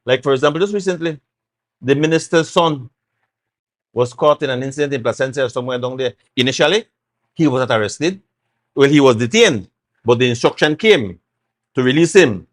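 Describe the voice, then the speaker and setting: A middle-aged Belizean man, a former party chairman appearing as a talk show guest, speaks briskly in a mid-range voice with frequent pauses. He's emphatic, hammering his points home by repeating them and acting out quotes.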